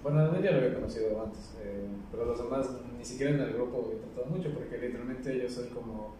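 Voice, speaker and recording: A man's voice: medium pitch, quick pace. Young man telling stories in an echoey room. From Ecuador. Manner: lively storyteller, keeps saying "literally". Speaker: podcast guest, doctor. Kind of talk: casual chat. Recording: roomy echo, distant mic, noisy.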